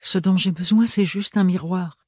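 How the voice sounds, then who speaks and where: A man reading an audiobook, voicing a polite, curious young woman in a gentle, raised voice. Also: high-pitched, fairly even intonation, moderate pace, breathy edge, no room sound, studio quality, pitched above the performer's own voice. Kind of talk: audiobook character voice.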